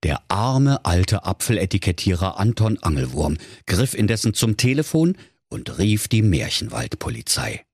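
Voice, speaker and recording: Husky, lower-voiced male storyteller, lively delivery, dry close sound, spoof fairy tale. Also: no room sound. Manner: mock-storyteller, addressing children with deadpan asides. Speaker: narrator. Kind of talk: comic fairy-tale narration.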